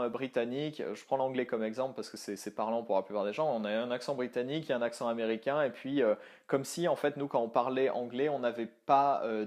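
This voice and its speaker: Casual man teaching, full of fillers. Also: medium pitch. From France. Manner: animated, thinking aloud with many fillers and restarts. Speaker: language teaching coach. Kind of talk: casual online video lesson.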